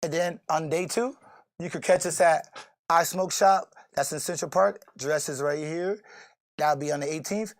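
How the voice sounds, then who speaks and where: Rowdy podcast guy, kinda high voice, cussing and clowning around, gets yelly. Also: normal speed. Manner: loud, joking, profane, swings to shouting. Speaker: podcast co-host. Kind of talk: casual podcast banter.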